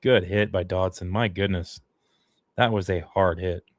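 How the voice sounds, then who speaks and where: A man with a fairly low voice talks through a football game as a fan livestream host, in casual play-by-play. He gets worked up and emotional over the action. The sound is dry and close, with no room around it. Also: measured pace, no echo. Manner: excitable, emotional fan reactions.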